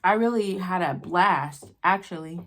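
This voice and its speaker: An American woman with a slightly low voice chats casually as she tells a personal story. She takes her time, rambling along very slowly with halting pauses. She talks between bites, at times with her mouth full. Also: fairly bright tone. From New Mexico, United States. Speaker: vlogger telling a personal story while eating.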